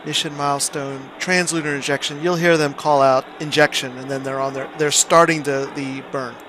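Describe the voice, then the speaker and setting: A middle-aged man giving a casual explanatory lesson, presenting like a teacher and halting now and then as he thinks aloud. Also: on the high side, steady tone, background noise. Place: small indoor room.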